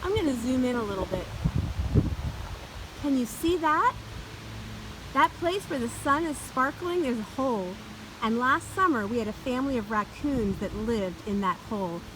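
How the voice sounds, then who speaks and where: A woman hosting a storytime show for young children, talking to them in an overbright, animated kids' host manner outdoors. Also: on the high side, normal speed, pauses often. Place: outdoors in a yard and treehouse. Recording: outdoor ambient noise, windy day.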